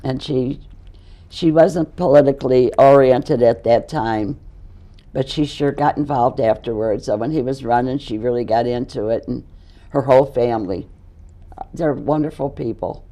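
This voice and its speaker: A woman in her nineties, hoarse and losing her voice, reminiscing in a halting way as an interview guest. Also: a bass voice, warm tone. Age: 90s. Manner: halting, repeats words while recalling.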